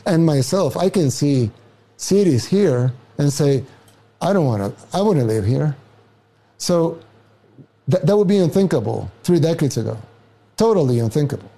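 A man's voice: a little high, lively intonation, normal speed, warm tone. Emphatic man. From El Salvador. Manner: emphatic, repeats himself. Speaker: interview guest. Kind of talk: clip of a political interview.

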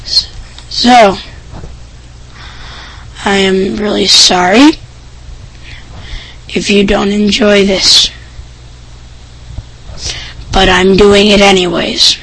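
A woman hosting an amateur podcast with a hoarse, scratchy voice, rambling and offhand as she chats and reads out items. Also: mid-range voice, little pitch movement, drawn-out words, pauses often, fairly bright tone. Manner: rambling, offhand, self-interrupting. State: hoarse voice, clearing throat. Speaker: podcast host. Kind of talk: casual amateur podcast talk, part reading news items.

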